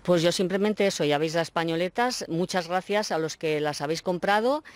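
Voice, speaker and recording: A woman's voice: on the low side, normal speed. A woman representing a charity, answering a TV interview in an earnest, encouraging way.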